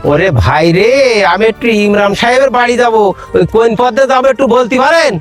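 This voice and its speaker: A man's voice: very high-pitched, expressive, a little fast, faint music behind. An actor playing a fussy, bumbling male village matchmaker, pleading and repeating himself in a rural comedy skit. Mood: chatty. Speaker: comic actor.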